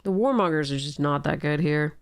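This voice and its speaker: A woman's voice: low voice, brisk, no room sound. A woman with a congested, stuffy nose, commentating casually and wryly on a game as she streams.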